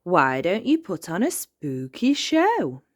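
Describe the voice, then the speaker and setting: A woman's voice: on the low side, huge pitch swings, takes it slowly, voice pushed up, full character voice. Woman reading as a jolly old grandpa pig. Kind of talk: storybook read-aloud.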